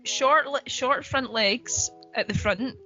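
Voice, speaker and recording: A woman's voice: sits high, takes it slowly, pushed and bright, highs cut off, soft background music. A woman co-hosting a podcast in casual chat, talking in a chatty, giggly way with lots of fillers. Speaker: podcast co-host.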